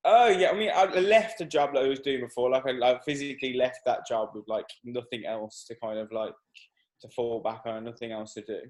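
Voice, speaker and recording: A man's voice: mid-range voice, a little fast, darkish tone. Chatty young man, lots of "like"s. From Birmingham, England. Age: 20s. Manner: rambling, many "like"s and fillers. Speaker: guest singer-songwriter. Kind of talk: casual radio interview.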